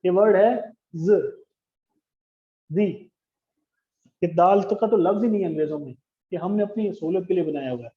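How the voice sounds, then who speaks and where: A man's voice: sits high, normal speed, pauses often. A man teaching English grammar in a classroom lecture, explaining step by step and asking the class questions. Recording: dull lo-fi classroom recording.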